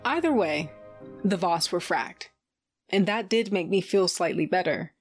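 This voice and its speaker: Unhurried and animated, a low-leaning female voice narrates as a first-person fighter with a cybernetic eye, tough and sardonic. The delivery is gruff and wry, blunt and profane with a dry sense of humor. Soft music plays in the background.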